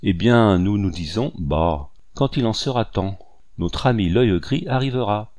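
A man voicing an affectionate young daughter in a storybook reading, in his low voice. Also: animated, measured pace, a little mellow. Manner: coaxing, fond.

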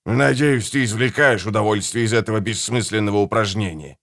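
A man's voice: lowish voice, brisk, vocal fry, fairly bright tone. A man reading an audiobook voices a cold, condescending middle-aged writer arguing with his daughter. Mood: cold, sarcastic. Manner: icy, condescending sarcasm.

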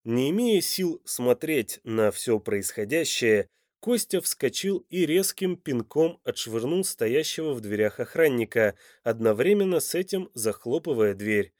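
A man reading an audiobook in an expressive, dramatic style, close to the mic. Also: medium pitch, unhurried, few pauses, dry recording. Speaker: audiobook narrator. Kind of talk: scripted audiobook narration.

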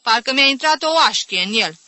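A woman's voice: a little high, pushed and bright, no room sound, pitched above the performer's own voice. A woman voicing a brusque elderly aunt who scolds and scoffs at doctors. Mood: snapping. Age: older. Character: snappish old aunt, dismissive of doctors. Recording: dry close studio reading.

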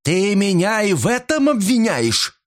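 A man voicing a furious middle-aged woman accused of crimes, shrill and screaming in an audiobook. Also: expressive, measured pace. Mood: hysterical.

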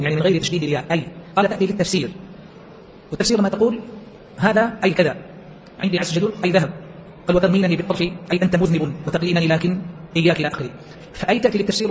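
A man teaching a class, explaining a text quickly and quoting verses as he goes. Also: high-pitched, highs cut off, slight background noise. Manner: rapid, explanatory, quotes verses in between.

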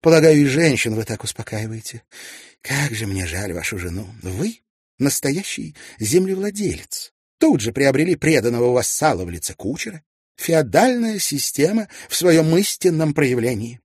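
Male reader doing a teasing young woman in a storybook; lively and dry-sounding. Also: mid-range voice, normal speed, breathy edge, no room sound, pitched above the performer's own voice. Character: sharp-tongued young woman, ironic.

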